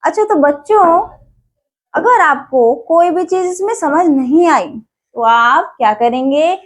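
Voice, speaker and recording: A woman's voice: high voice, lively intonation, slow. A woman teaching young children in a coaxing, questioning way, asking things and answering them herself. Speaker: online school teacher. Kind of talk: children's English vocabulary lesson.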